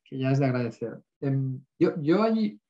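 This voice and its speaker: A man's voice: mid-range voice, very animated, moderate pace, mellow. A man in an informal expert discussion, reflective, often adding tag questions and English tech terms to his Spanish. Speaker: panel participant. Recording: echoey room, dull lo-fi audio.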